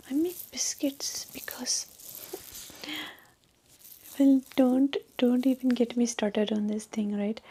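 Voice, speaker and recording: A woman's voice: a little high, breathy edge. A woman whispering as a boastful Indian bride-to-be. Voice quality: soft whisper. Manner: boastful, gossipy, rambling. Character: chatty boastful young Indian woman on a marriage date. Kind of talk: whispered ASMR roleplay.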